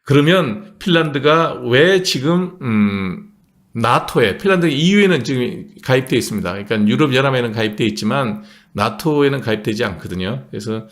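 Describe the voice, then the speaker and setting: A man's voice: medium pitch, animated, moderate pace. A man delivering a political commentary monologue, explaining points emphatically and punctuating them with short affirmations.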